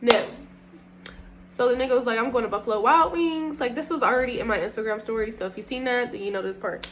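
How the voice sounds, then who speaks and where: A young woman recounts a dating story in a casual vlog, animated and quick to swear. Her voice sits a little high. A faint hiss runs underneath. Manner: animated, profane, breaks into laughter. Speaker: storytime vlogger.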